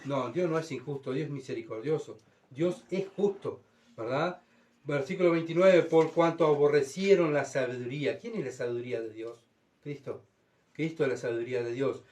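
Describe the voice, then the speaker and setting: A man's voice: mid-range voice, normal speed, darkish tone. A man preaching a sermon, reading scripture and acting out voices with dramatic swings. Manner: dramatic, voicing God and mocking crowds in heightened tones. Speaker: pastor. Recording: voice from far off the mic.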